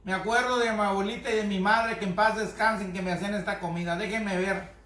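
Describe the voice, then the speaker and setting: A man's voice: high-pitched, steady tone, quick pace, bright, forceful tone. Folksy man cooking in an echoey kitchen. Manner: folksy, coaxing, repeatedly addresses the viewer. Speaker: home cooking demonstrator. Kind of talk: cooking demonstration. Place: home kitchen by the stove. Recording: echoey kitchen with frying sizzle.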